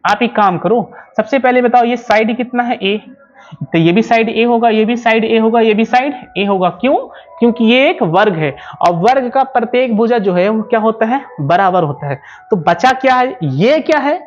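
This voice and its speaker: Slow, repetitive male physics teacher. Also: extremely high pitch. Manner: keeps asking and answering his own questions. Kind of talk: whiteboard lecture. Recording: slightly dull lo-fi sound.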